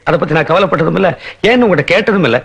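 A man's voice: sits high, lively intonation, very fast, creaky, a bit bright, breathy edge, exaggerated voice. An actor playing a blustering older rich father-in-law in a film comedy, grumbling at his wife and threatening others. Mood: plaintive.

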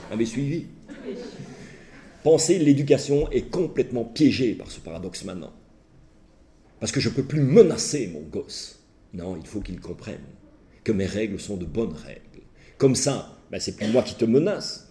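A man's voice: lowish voice, normal speed, long pauses. A middle-aged man, a therapist, giving a humorous lecture and telling stories while mimicking the people in them. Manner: lively storytelling, mimics characters' voices. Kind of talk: humorous lecture with acted anecdotes.

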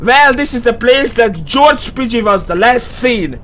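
A young man doing excitable let's play commentary as a gaming YouTuber, yelping, shrieking and laughing often. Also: very high-pitched, slight background noise.

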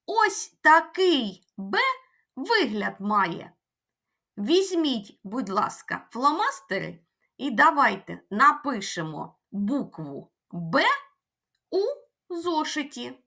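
A woman preschool teacher from Ukraine, leading a children's speech lesson in a slow, sing-song teacherly way and stretching out her words. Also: fairly high pitch, big pitch swings, pushed and bright.

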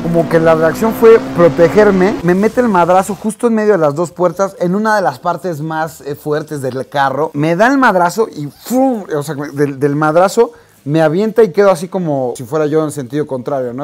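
Animated Mexican man with a high voice. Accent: Mexican Spanish. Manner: animated, profane, acts out dialogue. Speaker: vlogger. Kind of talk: storytelling anecdote.

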